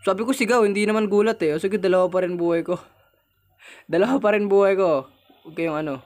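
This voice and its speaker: A man's voice: sits high, fast talker. Jumpy young Filipino gamer man. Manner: jumpy, shouts and laughs when startled, chatty with viewers. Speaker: gamer playing a horror game. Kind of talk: casual horror gameplay commentary.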